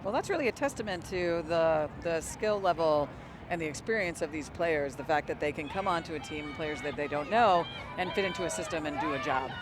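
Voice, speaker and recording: A man with a high voice giving color commentary at a live game, breaking down each play as it happens. Loud outdoor noise surrounds his voice. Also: brisk. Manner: analytical, adds color to plays.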